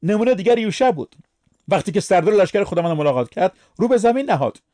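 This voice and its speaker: Guy preaching a sermon, pretty high voice, emphatic, keeps asking the crowd questions. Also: lively intonation, mellow. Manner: emphatic, asks the listeners questions.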